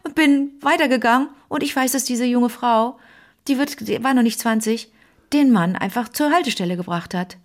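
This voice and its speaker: A woman's voice: fairly high pitch, moderate pace. A middle-aged woman co-hosting a podcast, telling stories in a casual chat and acting out what people said. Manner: animated storyteller, acts out quoted voices. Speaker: podcast co-host.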